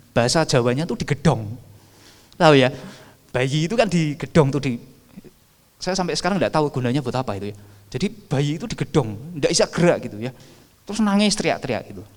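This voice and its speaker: A man, preaching a sermon and quizzing the congregation with rhetorical questions. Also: fairly high pitch. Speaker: pastor. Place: church sanctuary. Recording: reverberant church hall.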